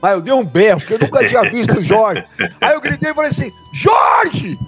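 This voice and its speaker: Excitable guy co-hosting a chat, husky voice that jumps all over, pitched high. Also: quick pace, soft background music. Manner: excitable storyteller, exclaims and repeats words. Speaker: co-host. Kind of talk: casual chat.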